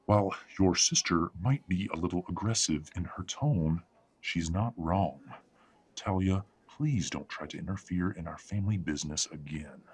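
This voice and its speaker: In scripted audio drama acting, a man voices a middle-aged, wealthy werewolf patriarch who is imperious and coldly polite, formally and condescendingly controlling his family. His deep, husky voice moves at normal speed with a controlling, patronizing mood.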